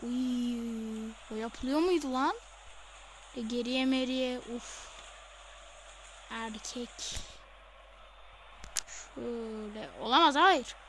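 A woman playing a football video game live, excitable, yelling instructions at the screen and swearing. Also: a little high, very slow, long pauses, slight background noise. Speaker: gamer.

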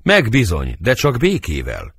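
A man voicing a cautious nobleman who hushes and calms a hot-headed friend, in an audiobook reading of a play. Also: fairly low pitch, slightly rough, no room sound, studio quality, full character voice. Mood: placating. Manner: hushed, placating warnings. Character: cautious, soothing adult male nobleman.

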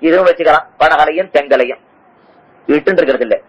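A man's voice: a little high, fast talker, slightly rough, highs cut off. An older man giving a devotional discourse, explaining Sanskrit verses and reciting Tamil hymns in a lilting chant, from an old radio broadcast. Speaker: religious discourse speaker.

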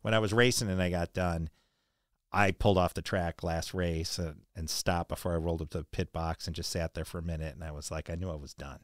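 Very low-voiced man hosting a chat. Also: steady tone, brisk, no room sound, studio quality. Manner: conversational, rambling questions with fillers. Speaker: interview host. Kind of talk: casual interview.

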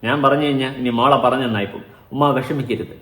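A man's voice: mid-range voice, fairly even intonation, fast, a bit bright. A young man hosting a reaction vlog, commenting in a mocking, sarcastic, lecturing manner. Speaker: vlogger and show commentator. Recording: echoey room.

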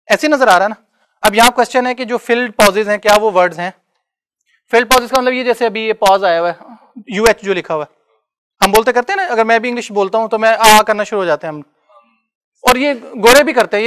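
A man's voice: very high voice, a bit bright, clear, resonant tone. Male lecturer, talks casually to a class, keeps asking if they follow. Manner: conversational, checks understanding often. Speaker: university lecturer. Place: classroom with students.

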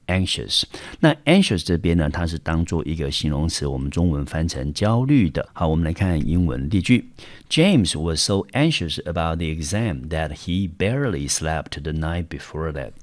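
Man, Taiwanese accent, English lesson, patient and repetitive, very low voice, dry sound. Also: lively intonation, moderate pace, no echo. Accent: Taiwanese Mandarin. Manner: patient, repeats words and fills with "好" and "呢". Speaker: high school English teacher. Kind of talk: vocabulary lesson explaining word by word.

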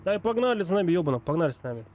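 A man's voice: high voice, big pitch swings, racing, darkish tone, soft background music. A man commenting casually on a game playthrough, colloquial and foul-mouthed, reading out subtitles as he goes. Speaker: gamer doing a playthrough.

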